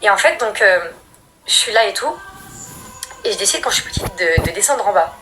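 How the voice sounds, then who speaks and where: Animated young woman telling a scary story. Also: a little fast, faint music behind. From France. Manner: animated, slangy, acts out voices in loud high bursts. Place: at home doing makeup.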